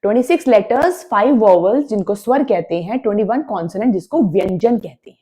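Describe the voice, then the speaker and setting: A woman's voice: mid-range voice, expressive, moderate pace, dark tone. A woman teaching English grammar in a lesson, mixing Hindi with English words. She repeats her points with emphasis and drills the letter sounds aloud. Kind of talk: classroom-style grammar lesson.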